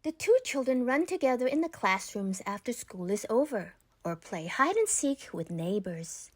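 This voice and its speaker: A woman with a fairly high voice reads a children's book aloud, her pitch swinging widely and expressively through measured, scripted narration. The audio is dry, without any room echo.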